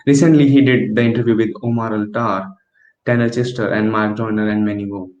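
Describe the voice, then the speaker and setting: A man hosting an interview show, earnest and halting, often restarting his sentences. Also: fairly low pitch, fairly even intonation, darkish tone. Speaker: host. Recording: dull echoey lo-fi sound.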